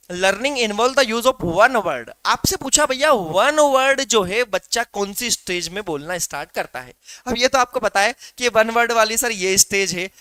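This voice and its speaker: A man's voice: very high-pitched, sharp tone, smooth, no room sound. A male teacher giving a live online exam-prep class, explaining through rhetorical questions and calling his students "beta".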